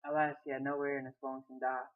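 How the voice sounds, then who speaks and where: A man's voice: medium pitch, completely flat delivery, fast. A young man reading his own short story aloud, plainly, with small restarts, on a tinny phone-like recording. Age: young adult.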